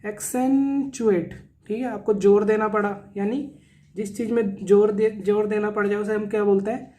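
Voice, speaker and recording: A man teaching exam vocabulary, mixing Hindi explanations with English definitions and spelling words out slowly with many repetitions. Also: sits high, level tone, dark tone.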